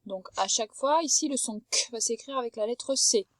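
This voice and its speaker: A woman teaching a young child to read from home, patient and careful. She draws out each word slowly so every sound comes through. Her voice sits fairly high and the sound is dry and close. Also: a bit bright, no echo. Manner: patient, slow and clear, stretching out words to sound them. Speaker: primary school teacher. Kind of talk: remote reading lesson for a young child.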